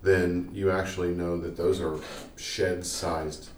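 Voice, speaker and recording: A man's voice: low voice, flat delivery, slow pace. A man, co-hosting a podcast in casual chat and rambling through local history. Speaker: podcast co-host. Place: small study room. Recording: echoey room, mic at a distance, faint noise.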